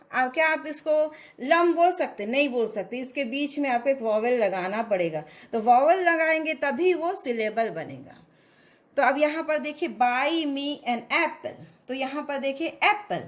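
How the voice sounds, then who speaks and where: A woman teaching English pronunciation in a classroom lesson, explaining patiently in Hindi mixed with Indian-accented English and checking in with listeners. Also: high voice. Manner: explains slowly, mixing Hindi with English phrases, frequent "है ना" checks.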